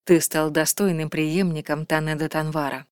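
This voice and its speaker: A wise, calm female creature, as a woman reader puts her on speaks softly and in a measured way. The voice is low and dry, with no room around it. It is a storybook reading. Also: smooth, no room sound, natural voice. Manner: soft, measured.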